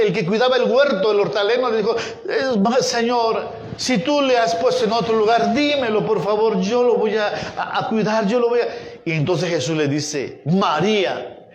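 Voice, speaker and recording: A male pastor preaching a sermon with passion, rising to pleading calls and dropping to hushed scripture readings. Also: roomy sound. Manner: impassioned preaching, swinging between raised pleas and low hushed readings.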